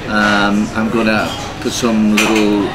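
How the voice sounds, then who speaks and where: A man from Donegal, a development chef, talking in a halting way with many restarts in an interview. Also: fairly low pitch, completely flat delivery, heavy background noise. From Donegal, Ireland. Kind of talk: casual interview. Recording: crowd chatter behind.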